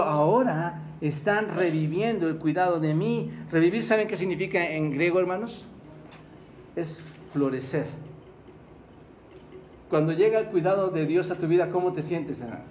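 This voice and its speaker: A man's voice: high voice, normal speed, pauses often, darkish tone, slight background noise. A Mexican man preaching a sermon, often asking the congregation questions and repeating key words for emphasis. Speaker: pastor.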